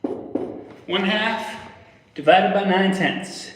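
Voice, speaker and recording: A man's voice: sits high, drawn-out words, a little hiss or hum. A young man giving a casual, step-by-step math lesson on a livestream, repeating himself as he explains. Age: young adult. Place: indoor room with whiteboard in a public library. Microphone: phone camera a step away. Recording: echoey room, distant microphone.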